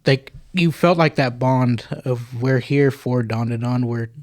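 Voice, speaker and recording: A man's voice: medium pitch, unhurried, darkish tone, dry recording. A young man talks earnestly on a podcast, sure of his opinions and stumbling into restarts. The sound is dry and close. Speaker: podcast co-host. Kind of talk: casual chat.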